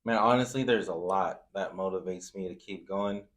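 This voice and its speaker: As a guest in a relaxed interview, a food truck owner originally from Zambia, now living in the US, shares personal stories in a low voice with a fairly bright tone. He speaks at a moderate pace, slangy and informal, peppering his talk with "you know."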